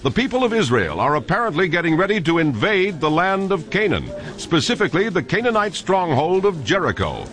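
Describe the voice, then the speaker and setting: Serious dramatic newsroom anchor in a kids radio play, slightly high voice. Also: male voice, big pitch swings, a bit bright, faint music behind. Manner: brisk, dramatic, polished. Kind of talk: mock newscast in children's radio drama.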